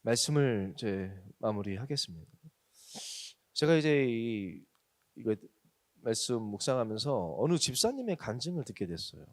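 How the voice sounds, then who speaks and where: A man's voice: mid-range voice, very animated, moderate pace. A male pastor preaching to a young adults group, telling stories with acted quotes. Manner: storytelling testimony with acted quotes.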